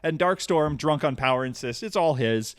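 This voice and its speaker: A man's voice: a little high, lively intonation, normal speed, smooth, no room sound, studio quality. A man co-hosting a podcast, casually recapping a cartoon, amused, laughing often and swearing. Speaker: podcast co-host.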